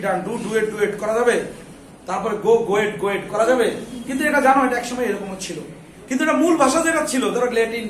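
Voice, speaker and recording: A man's voice: high-pitched, a little hiss or hum. A man teaching an English grammar class, firing questions at the students and answering them himself, and scolding anyone who chats. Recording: echoey classroom from far off.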